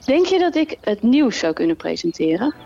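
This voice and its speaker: A woman's voice: on the high side, sing-song, moderate pace, creaky, muffled recording. A woman co-hosting a casual chat, easygoing and a little hesitant. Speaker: co-host. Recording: music playing underneath.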